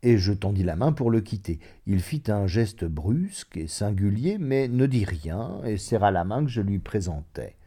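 A man narrating a classic short story in an expressive, measured reading. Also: fairly low pitch, husky.

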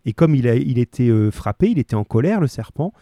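Lively male teacher reading aloud. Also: medium pitch, brisk, no room sound, clean studio sound. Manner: lively, asks questions and stresses key words. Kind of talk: reading a story aloud to a class, then explaining it.

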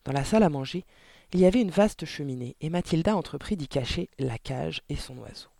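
A man reading a children's novel aloud in an expressive, theatrical storytelling style. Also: on the high side, fairly quick, gravelly, dry recording. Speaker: audiobook reader.

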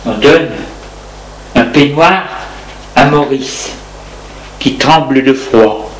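A man reading a story aloud in short, measured phrases. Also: mid-range voice, slight background noise, rough recording.

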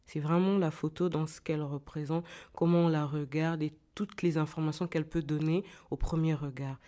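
A woman's voice: low-pitched, steady tone, normal speed, warm tone. A woman novelist and former journalist who lives in Kinshasa, answering an interviewer's questions in a hesitant way, with many restarts and repeated words.

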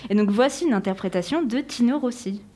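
A woman's voice: on the high side, a little fast, over loud music. A young woman presenting a radio column in a chatty, self-mocking way, with many fillers. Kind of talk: read radio column with casual asides.

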